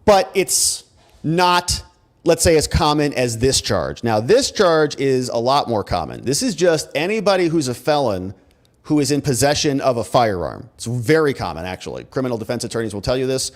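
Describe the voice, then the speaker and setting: Reading legal documents out loud, this American host, a criminal defense lawyer with a mid-range voice, peppers his commentary with sarcastic rhetorical questions. His asides are emphatic and conversational.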